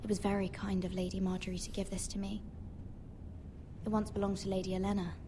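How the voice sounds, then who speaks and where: A woman playing a young, gentle, polite and anxious noble handmaiden in a fantasy game. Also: medium pitch, little pitch movement, quick pace, background noise, lightly acted. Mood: wistful.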